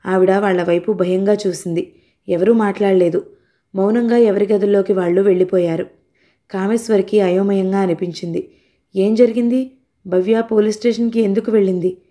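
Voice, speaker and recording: Mellow woman narrating a storybook. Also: mid-range voice. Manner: calm, measured reading. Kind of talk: audio novel narration.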